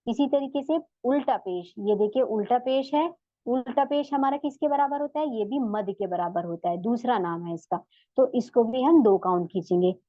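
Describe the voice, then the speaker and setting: A woman's voice: on the high side, moderate pace, no echo, highs cut off. A woman teaching tajweed in an online lesson, patiently stretching out sounds to demonstrate them. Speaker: Quran recitation teacher.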